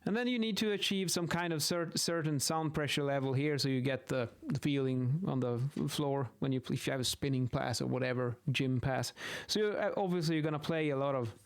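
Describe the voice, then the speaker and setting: A Swedish-accented man in his thirties, a video host and acoustics instructor, gives an informal explainer while sketching, speaking haltingly and repeating words in a mid-range voice. He's in a small home office, close to a boom-arm studio microphone.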